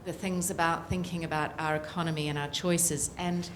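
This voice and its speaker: A woman's voice: sits low, fairly even intonation, normal speed, a little hiss or hum. A middle-aged woman with a New Zealand accent, speaking earnestly as a panelist and political scientist with frequent ums. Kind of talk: panel discussion remarks.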